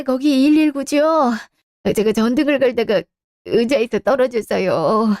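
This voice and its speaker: A woman's voice: high voice, darkish tone, no room sound, studio quality. A woman playing a sighing, hurt aging mother. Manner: sighing, plaintive. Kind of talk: Korean radio drama acting.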